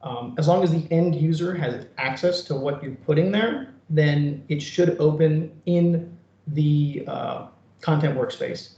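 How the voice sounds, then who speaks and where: A man giving an informal, conversational software demonstration in an online meeting. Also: on the high side, unhurried, gravelly. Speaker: presenter of a software demo. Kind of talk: informal screen-share demonstration for a work group. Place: online meeting recording from an echoey room. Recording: echoey room, dull online meeting audio.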